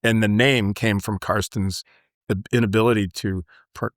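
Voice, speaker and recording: The recording is dry and studio quality: a middle-aged man with a fairly low, steady voice at a moderate pace. He's a business owner and author on a podcast, chatting casually as a warm, earnest, reflective storyteller.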